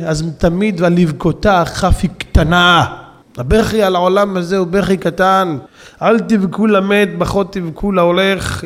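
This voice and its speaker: A high-pitched male preacher delivers a sermon in a long-reverb hall. He tells his story with emphatic swings, rising to loud peaks and then dropping back to speak directly to the congregation. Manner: addresses audience as "gentlemen". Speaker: rabbi preacher. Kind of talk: Hebrew Torah sermon.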